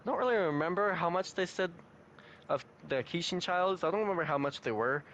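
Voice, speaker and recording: A young man retells an anime episode for his podcast co-host, slipping into giggles as he goes. His voice sits slightly high, and a faint background hum sits under the recording. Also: lively intonation, a little fast, fairly bright tone. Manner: giggly, laughs often while retelling scenes. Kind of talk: casual chat recapping an anime.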